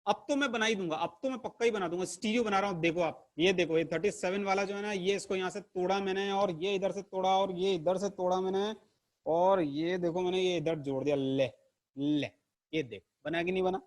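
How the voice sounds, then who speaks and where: A man whose voice sits high teaches an online chemistry lesson to camera, talking a little fast. He's playful and theatrical, teasing his class, and the sound comes from the camera mic.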